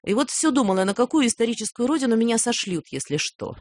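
A woman's voice: fairly high pitch, big pitch swings, fast, dry recording, studio quality. Older woman explaining with many hesitations. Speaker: guest. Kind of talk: radio interview conversation. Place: radio studio.

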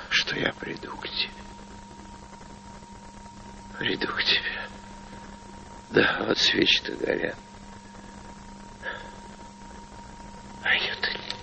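An actor playing an aging, gray-haired, embittered playwright on stage, swinging between broken whispers and furious shouts. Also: male voice, medium pitch, big pitch swings, a little slow, vocal fry, long pauses, slight background noise, heavily acted, poor audio. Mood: grieving, whispering. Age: older. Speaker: lead actor in a stage play. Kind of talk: theatrical stage acting.

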